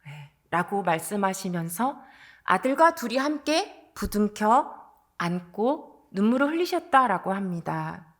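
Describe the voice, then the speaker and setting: A woman's voice: medium pitch, very animated, a little slow. A woman pastor delivering a sermon, telling a story expressively and sometimes dropping to a near whisper.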